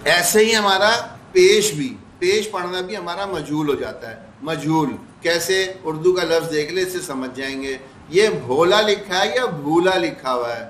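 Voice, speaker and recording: A man teaching recitation, patiently repeating sounds slowly to demonstrate them. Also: fairly high pitch, fairly bright tone, echoey room, a little hiss or hum. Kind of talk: explanatory lesson.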